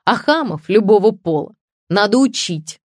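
A woman's voice: mid-range voice, expressive, normal speed, darkish tone, no room sound, clean studio sound, lightly acted. A woman reading an audiobook, voicing an older male chief editor who speaks with cold, stern command. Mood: scornful. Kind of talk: audiobook character voice.

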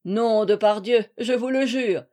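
A jovial, swaggering knight speaks with hearty mock gallantry, as a woman reads him aloud. He is bold and easygoing, in a storybook voice that sits a touch high. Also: unhurried, warm tone, lightly acted.

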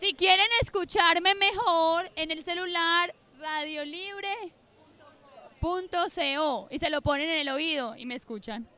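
A woman's voice: very high voice, moderate pace, few pauses, pushed and bright. A woman guiding a group writing exercise in an outdoor park, chatty and repeating her instructions, with a handheld mic she often forgets to use. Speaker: workshop facilitator. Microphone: handheld mic, often held away.

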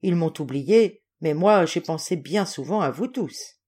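A woman voicing an affectionate, gruff old Russian general in an audiobook, in a hearty, animated way. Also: low voice, unhurried. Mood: fond, hearty.

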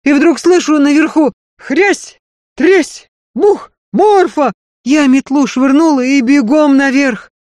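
A woman's voice: high voice, takes it slowly, darkish tone, dry recording, voice pushed up. Woman doing a blunt old-fashioned maid. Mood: excited. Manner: earthy folksy speech, emphatic.

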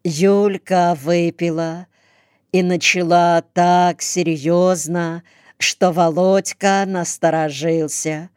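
Woman, audiobook narration, slow measured pace, flat even pitch, smooth voice, dry close recording. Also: no echo. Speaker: audiobook reader. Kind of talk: audiobook narration of war prose.

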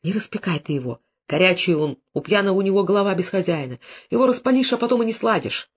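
A young soldier back from the front, as a man reads him in a storybook, whispering urgently with a lively high voice. Dull, lo-fi sound. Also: fast, husky. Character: young male soldier, worried nephew. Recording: dull lo-fi recording.

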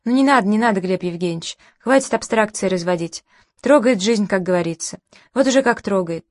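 A woman's voice: mid-range voice, expressive, fairly quick, dry recording, clean studio sound, lightly acted. A woman reading as a bitter, sardonic party host. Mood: bitter, caustic. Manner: caustic, bitter, challenging.

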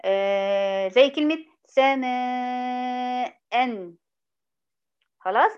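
Egyptian woman teaching recitation, slightly high voice. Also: animated, lo-fi sound. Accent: Egyptian Arabic. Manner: questioning, drawn-out example words. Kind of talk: informal tajweed lesson.

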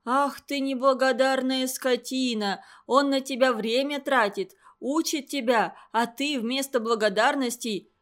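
A big, cruel old schoolmistress, played by a woman, barks harsh scolding at her pupils. The voice sits a bit high for a woman and lands hard and loud on the insults, slow and pressing. This is a storybook reading. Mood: angry scolding. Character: huge cruel old woman tutor, furious and shrill.

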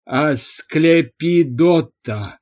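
A man's voice: on the high side, takes it slowly, darkish tone, highs cut off. A man voicing a stern old male priest, a former soldier, speaking curtly and commandingly. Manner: curt, commanding.

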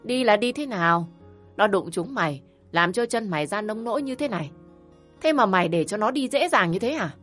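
A woman doing a shrill, scolding older aunt. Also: lively intonation, a little fast, faint music behind, natural voice. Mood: demanding. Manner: yelling, berating, harsh.

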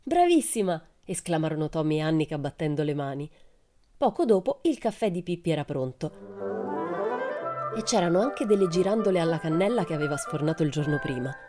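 A woman reading a children's storybook aloud with an expressive, warm manner. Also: deep voice, a little fast, music in the background. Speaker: audiobook reader. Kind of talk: storybook narration.

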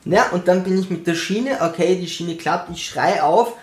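A man's voice: high voice, moderate pace. A young man telling a personal story in a casual, sarcastic way, acting out the voices of the people he quotes. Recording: roomy echo.

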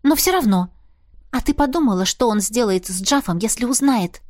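A woman's voice: on the high side, expressive, moderate pace, darkish tone, lightly acted. A woman voicing a proud, eager young female student in an audiobook. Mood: defensive. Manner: eager and defensive. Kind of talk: audiobook character voice.

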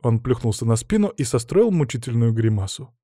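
A man's voice: medium pitch, big pitch swings, brisk, dark tone, no echo, studio quality. A man narrating a first-person audiobook in a wry storytelling manner.

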